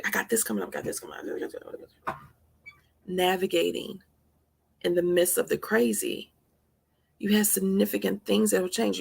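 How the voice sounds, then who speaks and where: A woman's voice: medium pitch, vocal fry, a little mellow, breathy edge. A woman in her forties hosting a live stream, giving a heartfelt motivational talk with earnest, repeated, preacher-like emphasis. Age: 40s.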